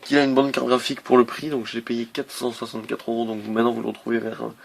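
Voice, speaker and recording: Male tech reviewer, gravelly, casual and hesitant delivery with frequent restarts. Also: mid-range voice, flat delivery, fast talker. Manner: hesitant, many fillers and restarts.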